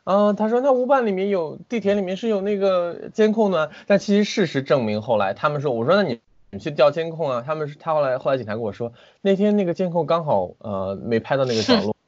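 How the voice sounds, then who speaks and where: Interviewed from his city home via internet call, a film director talks fast in a slightly high voice. He's animated and casual, often hesitating and beginning his sentences again. The audio is lo-fi.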